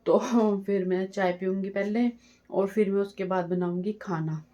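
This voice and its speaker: A woman's voice: mid-range voice, fairly even intonation, normal speed, dull audio. A middle-aged woman vlogger, chatting casually to her viewers while doing chores at home. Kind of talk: casual home vlog chat.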